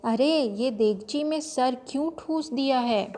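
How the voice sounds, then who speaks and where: A woman's voice: high voice, slow pace, dark tone. A woman voicing a widowed mother, frantic and tearful, pleading in a wailing voice. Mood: distraught.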